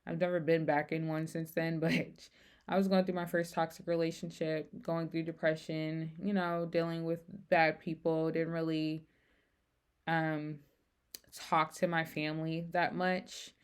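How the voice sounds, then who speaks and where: A young woman with a low, smooth voice speaks off the cuff in a candid, personal vlog style. Her braces slightly affect her speech. She rambles along haltingly, but the tone stays clean and resonant. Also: flat delivery. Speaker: vlogger. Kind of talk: unscripted casual personal talk.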